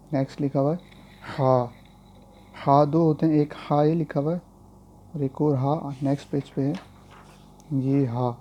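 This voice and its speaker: A man teaching Quran reading in a slow, patient spoken lesson, spelling out letters and repeating each rule. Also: medium pitch, dark tone, highs cut off.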